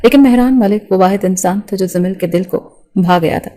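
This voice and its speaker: A woman narrating a romance novel with an even, storytelling delivery. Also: mid-range voice, poor audio.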